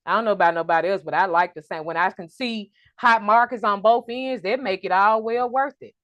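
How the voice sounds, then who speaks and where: Energetic woman teaching trucking. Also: mid-range voice, fairly quick, no room sound. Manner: energetic, preacher-like call and response. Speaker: trucking business presenter. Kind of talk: online workshop presentation.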